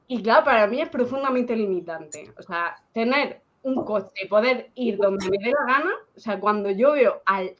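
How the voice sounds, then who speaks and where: A woman's voice: a little high, a little hiss or hum. A woman with a Spanish accent from Spain, chatting about a personal experience on a video call, talking with many fillers and restarts. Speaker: guest. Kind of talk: personal story in casual chat. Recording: dull lo-fi call audio.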